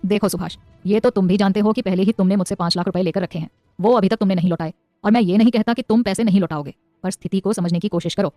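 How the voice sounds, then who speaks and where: A woman voicing an older male moneylender who talks in a measured, wry way. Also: medium pitch, dark tone, no echo, faint music behind, close to an everyday voice.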